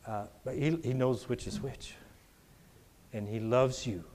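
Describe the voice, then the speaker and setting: A man preaching a sermon to a congregation in church, leading call-and-response with emphatic, drawn-out repetition. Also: mid-range voice, steady tone, darkish tone. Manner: call-and-response, has the congregation repeat after him. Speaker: pastor.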